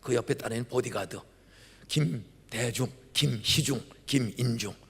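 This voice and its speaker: An older man, a pastor, giving a dramatic sermon full of storytelling, acted-out dialogue and sudden loud outbursts. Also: mid-range voice, unhurried, vocal fry, breathy edge. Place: large church sanctuary. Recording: church hall reverb.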